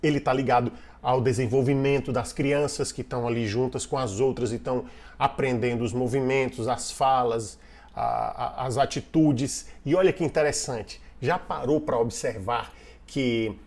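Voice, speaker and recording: A man's voice: medium pitch, steady tone, moderate pace, darkish tone. A man delivers a casual online lesson on leading a team. He speaks conversationally, circling back and restarting phrases as he goes. He often turns to the listener with questions. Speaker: coach.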